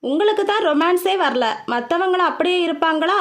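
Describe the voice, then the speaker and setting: A woman voicing a sharp-tongued young woman who scolds and snaps in an audiobook. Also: extremely high pitch, animated, fairly quick, pitched above the performer's own voice. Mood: irritated. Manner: irritated, scolding.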